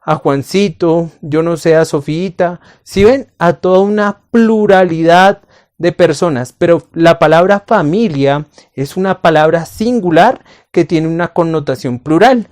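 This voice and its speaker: Slow, emphatic male Bible teacher. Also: on the high side, a little mellow. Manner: slow, emphatic, asks questions and answers them; addresses the listener as friend. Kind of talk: recorded Bible lesson to camera.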